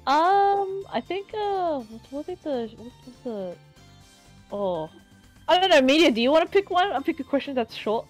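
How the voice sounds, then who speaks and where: A woman hosting a casual podcast chat, excitable and laughing often. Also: sits high, moderate pace, soft background music, rough recording. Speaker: podcast host.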